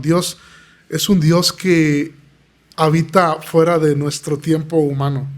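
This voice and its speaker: A man, a pastor telling his testimony in an earnest, preaching tone. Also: fairly high pitch. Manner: earnest, preaching tone, acts out quoted voices. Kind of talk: podcast interview testimony.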